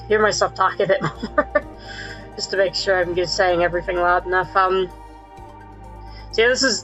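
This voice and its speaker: A streamer talking through a live gameplay session with a voice digitally pitched up like a chipmunk, rambling and correcting themselves with frequent laughs. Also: creaky, bright, forceful tone, highs cut off. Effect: pitched-up chipmunk-like voice filter.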